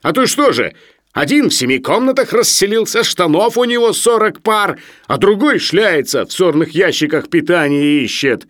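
A man's voice: high-pitched, very animated, moderate pace, fairly bright tone, dry recording, clean studio sound, voice pushed up. A man voicing a crude, loutish young man who whines and shrieks. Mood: grumbling, boorish. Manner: whiny, shrieking, coarse.

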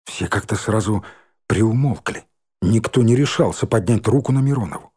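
A man reading a children's novel as an audiobook, expressive and voicing every character. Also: lowish voice, normal speed, husky. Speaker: audiobook narrator.

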